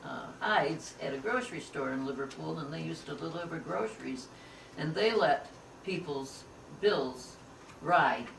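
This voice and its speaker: A ninety-year-old woman from upstate New York, interviewed as a family elder, informally recalls family history and pieces memories together as she talks. Her deep voice is animated and unhurried with hardly any pauses, sounding distant and echoey in a room away from the mic, with clear background noise.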